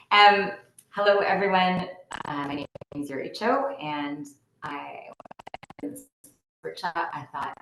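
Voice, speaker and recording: A woman's voice: fairly low pitch, takes it slowly, vocal fry, pauses often, a bit bright. A woman speaking nervously at a webinar over a video call whose audio keeps breaking up and sounds robotic. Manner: nervous, flustered. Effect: choppy video-call audio breaking up, robotic. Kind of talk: casual webinar talk. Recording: echoey, noisy choppy internet call.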